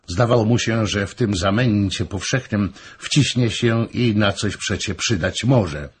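A male audiobook narrator giving an expressive, measured scripted reading of a historical novel. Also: fairly low pitch, slightly rough.

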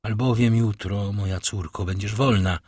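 A man voicing a brooding middle-aged nobleman in a read-aloud novel, slow and solemn. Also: fairly low pitch, steady tone, a little mellow, breathy edge, no echo, clean studio sound. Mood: tender.

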